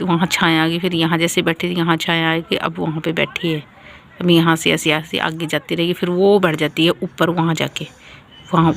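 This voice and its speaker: A young woman vlogging casually about her day with her children, sounding tired and sleepy, keeping her voice soft so the baby stays asleep. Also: lowish voice, vocal fry, a little hiss or hum. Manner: chatty, talking softly to avoid waking a baby. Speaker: vlogger, mother. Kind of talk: casual family vlog talk. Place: outdoors on a home rooftop.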